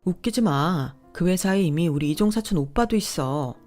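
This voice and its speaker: A woman's voice: lowish voice, expressive, normal speed, faint music behind, close to an everyday voice. A woman reading a furious scolding wife. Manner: yelling, scolding, sharp insults.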